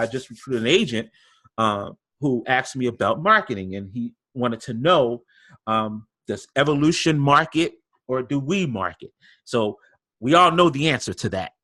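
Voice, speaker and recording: A man's voice: medium pitch, a bit bright, dry recording. A man giving a training webinar, coaching people through presentation slides with lots of repetition and filler words. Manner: coaching, repeats emphasis, frequent fillers. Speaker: sales trainer.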